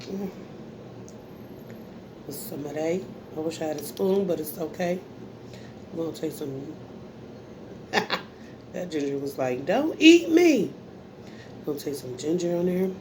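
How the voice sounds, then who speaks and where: A woman's voice: deep voice, moderate pace, long pauses, noisy background. An American woman hosting a casual mukbang, chatting in a folksy, informal way between bites with savoring hums. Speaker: mukbang host. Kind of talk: casual mukbang chat while eating.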